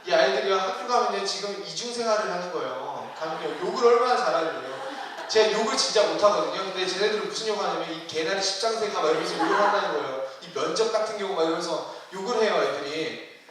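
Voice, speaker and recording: A man delivers a sermon in a chatty, questioning style, his voice pitched high for a man. The sound is heavily echoey, with a long hall reverb, and he stands well away from the microphone. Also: expressive, quick pace, crowd noise. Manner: conversational preaching with questions to the congregation. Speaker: youth ministry preacher. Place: church sanctuary. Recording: roomy hall, distant mic.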